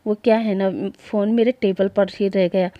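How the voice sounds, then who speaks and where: A woman's voice: medium pitch, steady tone, moderate pace, muffled recording, close to an everyday voice. A woman voicing a bossy rich young lover. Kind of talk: storytelling voice acting.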